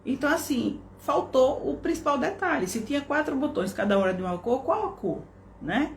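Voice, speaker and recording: A woman's voice: sits high, lively intonation, moderate pace. A woman with a Brazilian Portuguese accent teaching an online course, explaining step by step and often checking in with tag questions. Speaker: course instructor. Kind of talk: online lesson. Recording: echoey room with faint background noise.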